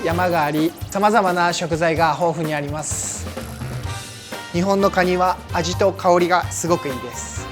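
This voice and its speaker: A woman chef explaining her dish in a quick, matter-of-fact way. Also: lowish voice.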